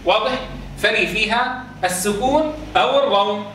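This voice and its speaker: High, bright-voiced man teaching in an echoey room. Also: normal speed, a little hiss or hum. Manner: quizzes students, chants verse examples. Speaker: Quran teacher. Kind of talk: recitation rules lesson to a class. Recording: roomy echo, distant mic.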